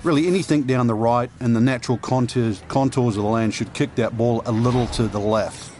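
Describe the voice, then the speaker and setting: A man giving golf commentary as the analyst in a televised-style game broadcast, measured and matter-of-fact. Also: mid-range voice, fairly even intonation, darkish tone, slight background noise, natural voice.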